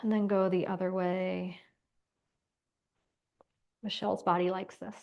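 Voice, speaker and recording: A woman instructor leading an online class through gentle movement and breathing, with soft, calm cues. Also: fairly low pitch, measured pace, creaky, muffled recording. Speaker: exercise instructor.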